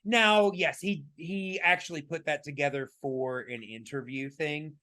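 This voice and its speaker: A man co-hosting a podcast in casual chat, his voice raspy, talking emphatically with many fillers and restarts. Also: on the high side, a little slow, pushed and bright. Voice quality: raspy today. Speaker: podcast co-host.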